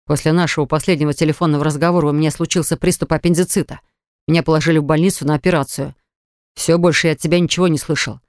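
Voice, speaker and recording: A woman's voice: low voice, steady tone, racing, darkish tone, no room sound, clean studio sound, close to an everyday voice. A woman voicing a stern, insistent young man who speaks curtly and makes demands in an audiobook. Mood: angry. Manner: curt, demanding.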